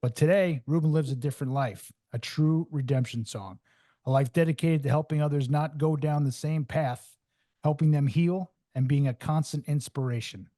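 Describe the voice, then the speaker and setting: A man hosting a podcast, reading a calm scripted intro and then interviewing a guest. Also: a little high, moderate pace. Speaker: podcast host.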